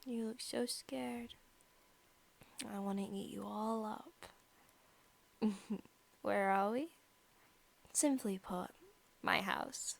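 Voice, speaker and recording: In a softly spoken ASMR roleplay, a woman plays a possessive, sadistic young vampire, teasing and casually menacing and sometimes dropping into whispers. Her mid-range voice is gravelly. The mood shifts from teasing and predatory to casual and amused.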